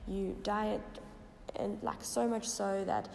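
A woman with a croaky, froggy, slightly hoarse voice gives lifestyle tips in a casual, explanatory solo podcast style. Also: medium pitch, steady tone, slow pace. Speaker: podcast host. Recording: echoey, reverberant room with noise.

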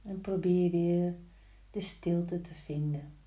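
A woman guiding a yoga practice slowly, in a soft, soothing, hushed voice with long pauses between short instructions. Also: fairly low pitch, steady tone. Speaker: yin yoga teacher. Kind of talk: slow guided yoga instruction. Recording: roomy, echoing sound.

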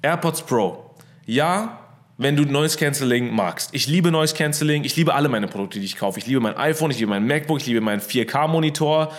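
A man's voice: mid-range voice, animated, moderate pace. A young man hosting a casual motivational talk from his apartment into a studio microphone, upbeat, with English phrases mixed into his speech. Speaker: host.

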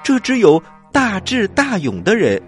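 A man's voice: high voice, wildly swooping pitch, unhurried. A man hosting a children's story show, telling tales in a dramatic style. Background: faint music.

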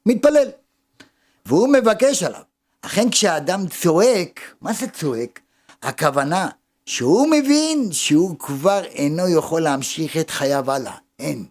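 Impassioned high-voiced male rabbi preaching. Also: sing-song. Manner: impassioned, swings between loud cries and hushed low lines; acts out prayers and cries in quoted voices. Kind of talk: Torah lesson sermon.

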